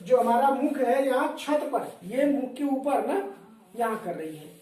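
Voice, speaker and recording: Woman teacher, slow drilling questions, roomy classroom, distant mic. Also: high-pitched, lively intonation, mellow. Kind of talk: classroom lesson. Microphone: far camera. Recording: echoey room from far off.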